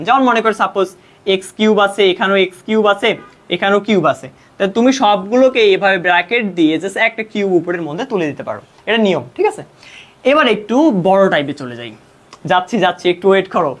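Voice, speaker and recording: A high-pitched, fairly bright male voice leads an online math lesson. The young tutor, with a Bangladeshi Bengali accent, explains each step, answers his own questions and slips English math terms into his Bengali.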